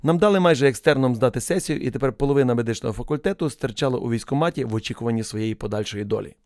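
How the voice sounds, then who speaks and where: A male audiobook narrator reads a first-person story with wry irony at a quick clip. The sound is dry and close, with no room echo at all. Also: medium pitch, darkish tone.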